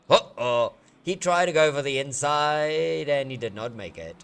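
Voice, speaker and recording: A man giving playful, excitable live commentary on a sim race, joking and swearing as the action unfolds. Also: medium pitch, slow, smooth. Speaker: sim racing commentator, streamer.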